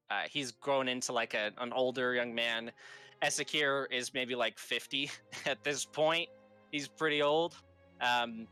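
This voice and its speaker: Bright, clear-voiced man running a game. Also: mid-range voice. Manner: casual, rambling, swears freely. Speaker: game master. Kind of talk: narrating a tabletop game.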